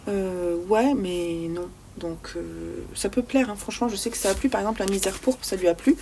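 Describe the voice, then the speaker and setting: In a warm, medium-pitched voice at a moderate pace, a woman vlogs casually about books she has read, with slight background noise. As a book vlogger having a laid-back review chat, she talks freely, often hunting for words with fillers and restarts.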